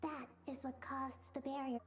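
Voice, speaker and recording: A woman voicing a gentle, earnest child-like goddess of wisdom in a video game, speaking formally and solemnly. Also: sits high, little pitch movement, normal speed, slight background noise, natural voice. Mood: earnest, explanatory. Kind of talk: video game story dialogue.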